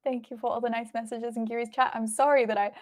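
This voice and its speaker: A woman with an Australian accent hosts a livestream, chatting casually, thinking aloud and answering viewer messages. Her voice is a little high with little pitch movement, and she talks fast.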